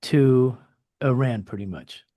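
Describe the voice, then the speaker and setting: A man's voice: mid-range voice, slow, dark tone, dry recording. A man hosting a podcast interview, asking his guest questions in an inquisitive manner. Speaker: host.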